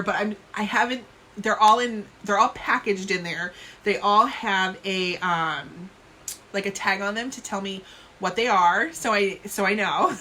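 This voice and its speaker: Chatty bright-voiced New Jersey woman. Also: medium pitch. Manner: chatty, rambling, self-deprecating. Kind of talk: casual live-stream chat.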